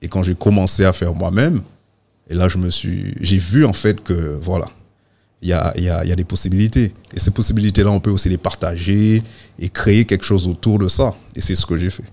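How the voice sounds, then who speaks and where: A man's voice: sits low, a little fast, vocal fry, a little mellow. A man from Guadeloupe, a guest and interior designer talking casually and hesitantly in an interview. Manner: hesitant, many fillers and restarts.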